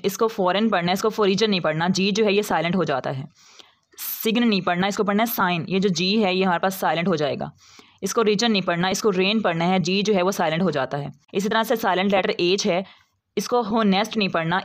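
Woman teacher, patient step-by-step explainer, steady mid-pitched voice, close voice-over. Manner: patient, methodical, repeats each rule. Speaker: English pronunciation teacher. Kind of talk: explanatory lesson.

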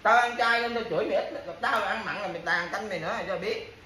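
With a mid-range voice and a sharp tone, a woman talks fast as she scolds her partner, repeating identical complaints and hollow threats. This casual domestic quarrel was recorded in an echoey room with faint background noise.

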